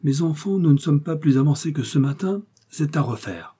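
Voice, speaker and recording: An upright detective, as a male narrator puts him on, outspoken and quick to protest. His pitch rises above the reader's usual, with a husky grain. He speaks with firm indignation. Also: animated, mellow. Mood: rueful.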